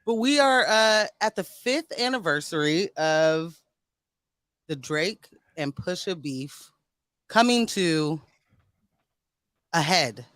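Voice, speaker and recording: A man co-hosting a podcast in casual chat, animated and laughing, heavy on slang. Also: a little high, slow, long pauses, no echo, clean studio sound. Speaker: podcast co-host.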